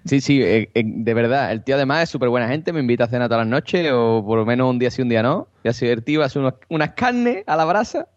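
Fast-talking man bantering. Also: mid-range voice, no room sound, lo-fi sound. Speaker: podcast guest. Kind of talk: casual podcast chat.

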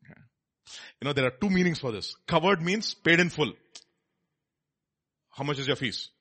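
Male preacher, Indian accent, husky and highly animated, teaching scripture through repetition and rhetorical questions. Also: normal speed. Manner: rhetorical questions and repeated phrases for emphasis. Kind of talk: expository sermon with question and answer.

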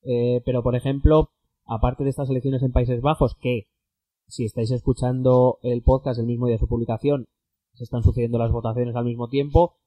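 A man's voice: mid-range voice, flat delivery, a little fast, no echo, lo-fi sound. A man with a Castilian Spanish accent co-hosting a podcast with casual, conversational political commentary. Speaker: podcast co-host.

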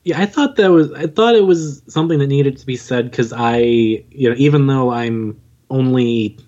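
A young man in his twenties, guesting on a podcast as an audio drama writer and narrator, chats modestly and informally. His mid-range voice is darkish at a normal speed. The audio comes across dull.

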